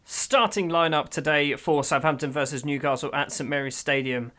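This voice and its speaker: Excitable man commentating a game. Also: on the high side, normal speed. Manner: excitable, swings from grumbling to loud outbursts. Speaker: gaming YouTuber. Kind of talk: let's-play commentary over a football management game.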